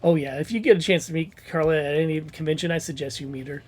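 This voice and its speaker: A man's voice: fairly high pitch, quick pace. A man from Missouri co-hosting a casual podcast chat, plugging his convention in a rambling way, full of ums. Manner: rambling, filler-heavy promotional talk. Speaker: convention organizer and podcast co-host.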